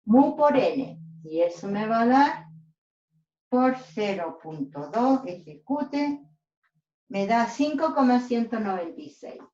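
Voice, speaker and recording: A woman's voice: a little high, lively intonation, slow, mellow. Woman teaching a physics lesson. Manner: checks in with "¿ya?" after each step. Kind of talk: whiteboard lesson. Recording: echoey room, dull lo-fi sound.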